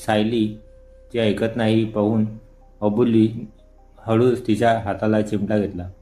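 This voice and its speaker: A man narrating a heartfelt audio story in a calm, steady reading voice. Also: on the low side, a little slow. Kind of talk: scripted narration. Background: soft music.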